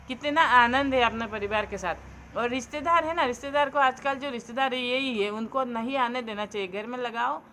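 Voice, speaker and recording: A young adult woman speaks to her viewers in a casual, earnest monologue, giving homely advice about family life. Her voice sits a little high, and she talks with a preachy warmth. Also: slight background noise. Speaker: vlogger.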